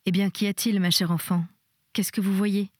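A woman doing a calm motherly nurse nun. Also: mid-range voice, normal speed, no echo, studio quality, lightly acted. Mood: soothing. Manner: soothing, gentle.

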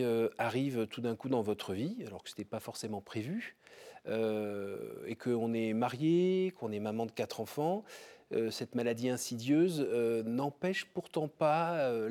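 A man's voice: mid-range voice, darkish tone. A man hosting a spirituality show in a TV studio, introducing his guest hesitantly with many fillers.

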